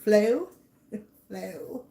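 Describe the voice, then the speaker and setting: A woman's voice: mid-range voice, expressive, drawn-out words, warm tone. A chatty middle-aged woman hosts a casual live chat from her home, talking to viewers. She rambles, laughs often and greets people by name. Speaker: livestream host and psychic reader. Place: home, indoors.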